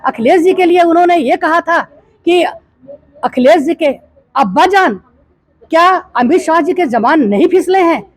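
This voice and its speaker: Her voice very high and animated, an older woman politician from Gorakhpur in eastern Uttar Pradesh, India, keeps a moderate pace while answering a reporter. She responds with indignant rhetorical questions, and the recording is dry.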